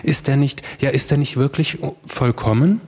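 A man's voice: medium pitch, normal speed, a little mellow, husky, long reverb tail, close to an everyday voice. A man voicing a pompous, boastful male sculptor who gushes over his own work, read aloud from a story. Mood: gushing. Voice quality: grandiose, sweeping, gushing.

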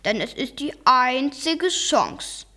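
A young reader voicing a calm, stern old professor uncle in a storybook reading, speaking slowly and evenly. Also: female voice, high-pitched, full character voice. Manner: slow, calm and measured. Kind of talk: read-aloud storybook voice.

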